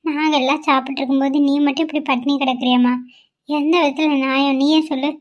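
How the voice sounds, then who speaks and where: A woman's voice: high voice, flat delivery, quick pace, close to an everyday voice. A woman doing a fussing motherly mother-in-law. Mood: persuading. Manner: motherly, chiding, warm-hearted. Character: caring middle-aged mother-in-law. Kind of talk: amateur cartoon voice acting. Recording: dull lo-fi sound.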